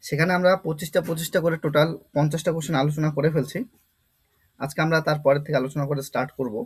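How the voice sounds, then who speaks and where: Guy teaching vocab class, fairly high voice, keeps repeating stuff and asking questions. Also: level tone, very fast, slightly rough. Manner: explains step by step, repeats words and asks rhetorical questions. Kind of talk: vocabulary lesson.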